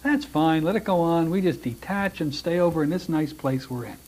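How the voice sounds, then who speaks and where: A middle-aged man teaching a hypnosis class, relaxed and joking, with frequent restarts as he talks to the room. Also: a little high, moderate pace. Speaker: hypnosis instructor. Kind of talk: classroom lecture with demonstrations.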